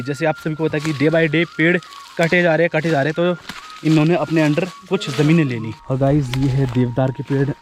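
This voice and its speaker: A man's voice: a little high, a little mellow, a little hiss or hum. A young man from India, chatting casually to viewers as he walks on a forest hillside, often repeating his phrases. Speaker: travel vlogger. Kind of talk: casual vlog narration while walking.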